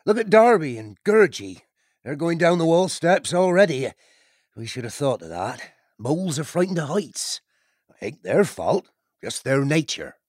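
A man voicing a gruff, kindly male otter chieftain who talks in a folksy, homely way. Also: on the high side, sing-song, a little slow, darkish tone, dry recording, studio quality, voice pushed up. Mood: steady. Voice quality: folksy and homely, dropping his g's.

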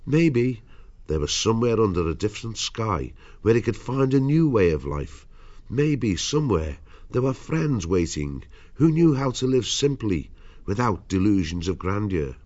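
A man's voice: on the low side, very animated, a little slow, darkish tone, highs cut off. A man narrating an adventure audiobook in a dramatic scripted storytelling style.

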